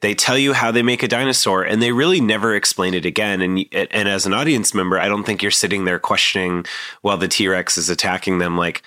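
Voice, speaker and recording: A man's voice: fairly low pitch, steady tone, brisk, pushed and bright, no echo, studio quality. A man in his thirties hosting a casual podcast, rambling with plenty of fillers and restarts. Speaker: podcast host.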